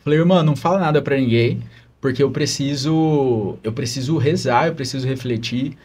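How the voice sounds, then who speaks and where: A man's voice: medium pitch, moderate pace, darkish tone, slightly rough. A man, a religious brother, telling an earnest, emotional story of his calling in a podcast interview.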